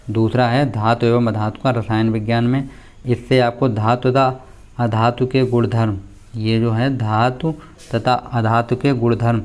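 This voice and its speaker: This teacher from India has a medium-pitched, slightly mellow voice that rings clear and resonant. He lays out the school syllabus plainly for his students, frequently checking that they are following.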